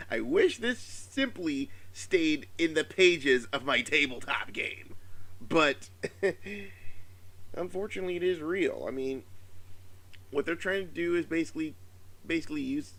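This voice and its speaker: A man with a slightly subdued, sore-throated voice gives a casual, rambling opinion commentary, halting, exasperated and swearing freely. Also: on the high side, a bit bright. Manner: profane, exasperated, halting with emphatic stresses. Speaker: solo video commentator.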